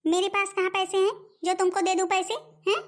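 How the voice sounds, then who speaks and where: A woman voicing a stingy, sharp-tongued old grandmother and mother-in-law in a home-made cartoon. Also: extremely high pitch, level tone, moderate pace. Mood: scolding.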